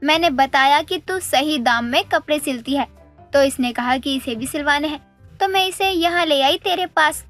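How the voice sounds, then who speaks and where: A woman doing a nagging aunty from next door, bossy and scolding, high voice, faint music. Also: normal speed, fairly bright tone. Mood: chatty. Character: nagging middle-aged neighbor aunty, proud.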